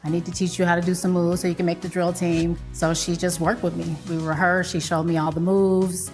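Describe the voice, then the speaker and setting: Lower-voiced woman reminiscing over music. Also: a little fast. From raised in California. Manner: relaxed, reflective, laughs easily. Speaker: former dancer interviewee. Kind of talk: documentary interview. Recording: music bed underneath.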